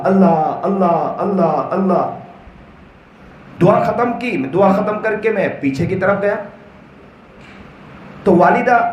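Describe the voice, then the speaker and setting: A man's voice: high-pitched, fairly bright tone. An older man preaching a sermon to students, telling emotional stories and repeating invocations. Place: large hall at a religious gathering. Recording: echoey hall with faint noise.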